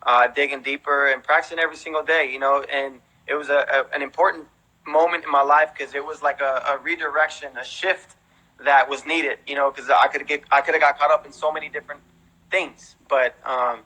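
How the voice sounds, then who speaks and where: A veteran breakdancer in his thirties, raised in Houston after being born in Mexico, speaks with an American accent in a slightly high, pushed and bright voice. His intonation stays fairly even and his pace a little fast, captured on a rough recording. As an interview guest he casually tells stories, often saying "you know" and "man."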